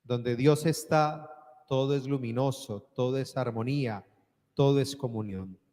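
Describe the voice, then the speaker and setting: A male priest with a mid-pitched voice delivers solemn liturgical prayer. His phrasing is measured and declamatory, and the sound rings with the long cathedral echo of a large church. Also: mellow. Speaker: priest presiding at Mass. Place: large church, live Mass. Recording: echoey church hall with long reverb.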